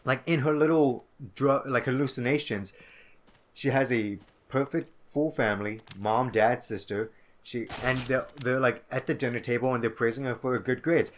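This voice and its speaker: A man's voice: mid-range voice, fairly even intonation, moderate pace. A young man co-hosting a let's play, rambling casually with lots of filler words and playful asides. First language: English. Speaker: co-host of a gaming let's play. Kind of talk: casual gaming chat.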